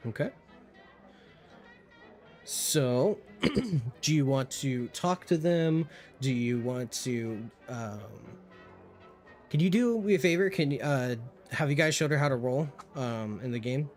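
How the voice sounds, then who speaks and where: A man's voice: mid-range voice, slow pace, soft background music. A man acting as game master, describing a scene and explaining dice rolls with many fillers. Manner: rambling, lots of fillers. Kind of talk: narrating a tabletop game over voice chat.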